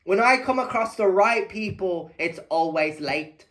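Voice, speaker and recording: A man's voice: sits high, expressive, measured pace, a bit bright. A man losing his voice, giving a heated vlog rant, emphatic and repetitive, swearing often. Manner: emphatic, repeats phrases, swears. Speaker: vlogger.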